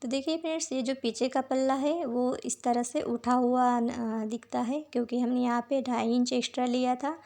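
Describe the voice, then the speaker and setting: A woman with a sore throat, calmly walking viewers through a sewing tutorial step by step. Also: fairly high pitch, moderate pace, vocal fry, few pauses. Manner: patient, repeats "dekhiye" while showing each step. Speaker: sewing teacher.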